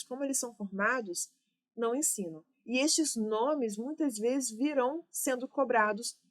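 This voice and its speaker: A woman's voice: mid-range voice, fairly bright tone. A woman with a Brazilian Portuguese accent teaching an exam-prep grammar lesson, explaining answers step by step and checking in with her students.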